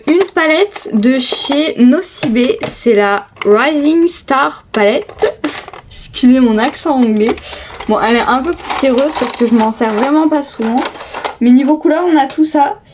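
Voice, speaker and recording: A woman's voice: high voice, moderate pace, noisy background. A young woman chatting casually through a make-up tutorial, filmed on her phone at home, with many hesitations and little repeated gushes. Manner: chatty, lots of hesitations and repeated "trop, trop beau". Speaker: beauty vlogger. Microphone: phone camera.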